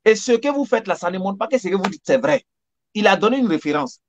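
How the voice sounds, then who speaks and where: A woman's voice: mid-range voice, lively intonation, fast talker, a little mellow, muffled recording, slight background noise. A woman moderating a debate over a video call, firmly calling the speakers to order. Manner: firm, repeatedly calls for order.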